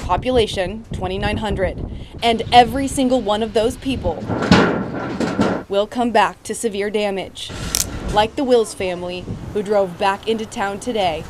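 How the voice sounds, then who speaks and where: A woman's voice: medium pitch, moderate pace, background noise. An American woman, a television reporter, reading scripted news narration.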